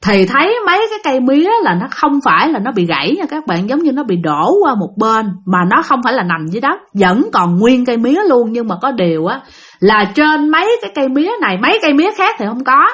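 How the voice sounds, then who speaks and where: A woman's voice: fairly high pitch, quick pace, breathy edge. A woman with a Southern Vietnamese accent narrating a ghost story, talking straight to her listeners. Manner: animated, addressing listeners directly.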